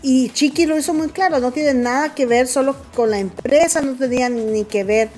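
Woman gossip host, fairly high voice, theatrical and mocking delivery, faint music bed. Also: moderate pace. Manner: dramatic, mocking, calls her viewers "familia". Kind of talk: gossip commentary.

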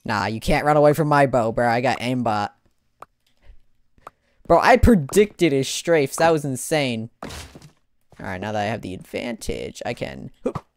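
A man casually commentating a live gaming stream, excitable, exclaiming and laughing as he plays. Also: medium pitch, measured pace, pauses often, a little hiss or hum. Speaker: gaming livestreamer.

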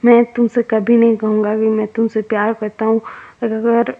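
A woman's voice: a little high, monotone, moderate pace. A woman voicing a devoted, heartsick young man who pleads earnestly with his best friend. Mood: pleading. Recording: tinny phone-like audio.

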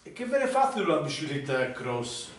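A man's voice: fairly high pitch, big pitch swings, normal speed. A middle-aged man playing a grumpy, put-upon householder in an amateur comedy sketch, challenging others in a Tuscan accent. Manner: tags questions with a challenging "eh". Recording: very echoey room, far from camera mic.

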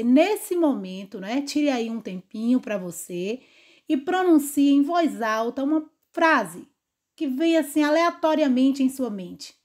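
A woman teacher with a Brazilian accent giving an online class, explaining step by step and often checking in with tag questions. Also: high-pitched. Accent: Brazilian Portuguese. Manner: didactic, frequent tag questions.

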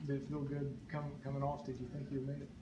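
A man's voice: mid-range voice, monotone, fast, lo-fi sound. A man, a reporter, asking hesitant questions at a post-game press conference. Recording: echoey noisy room.

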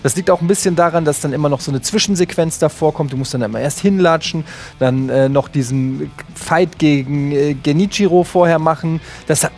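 A man telling a casual, sheepish anecdote with hesitant pauses. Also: fairly high pitch, a little mellow, soft background music. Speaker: games show regular.

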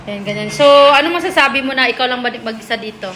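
A woman's voice: fairly high pitch, quick pace, bright, forceful tone. A woman vlogger giving a teasing, playful house tour, laughing often as she chats.

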